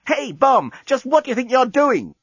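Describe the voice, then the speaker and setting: A man's voice: very high voice, sing-song, moderate pace, a bit bright, slightly rough, dry recording, highs cut off, pitched above the performer's own voice, exaggerated voice. A man voicing a young woman who speaks in an urgent, pleading way. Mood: demanding.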